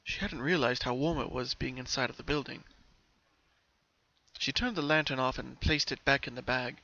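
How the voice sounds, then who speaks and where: A male story narrator performs a scripted dramatic reading at a moderate pace. His middle-pitched voice has a bright, forward tone, and the recording sounds slightly dull, as if made at home.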